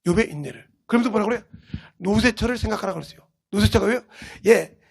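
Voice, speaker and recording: A male pastor preaching a fervent, scolding sermon that often bursts into shouts. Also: high voice, animated, rapid-fire, vocal fry, husky. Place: church, livestreamed service.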